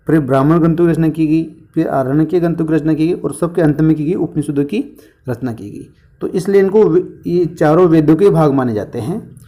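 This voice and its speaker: Brief: male exam coach with a lilt, mellow tone, answers his own questions with mnemonics. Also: on the high side. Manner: explains with questions and answers to himself; uses memory tricks and jokes. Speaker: teacher. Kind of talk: exam-prep history lesson.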